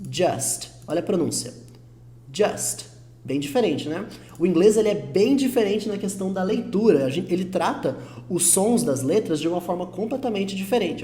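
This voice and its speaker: A man with a Brazilian Portuguese accent teaching an online English lesson, patient and reassuring, repeating each example slowly. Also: high-pitched, expressive, mellow. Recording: roomy echo.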